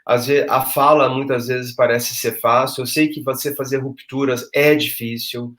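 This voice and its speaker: A man's voice: medium pitch, level tone, moderate pace, fairly bright tone. A man speaking as a guest, emphatic and acting out quoted thoughts. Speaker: guest, social project leader. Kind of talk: conversational discussion.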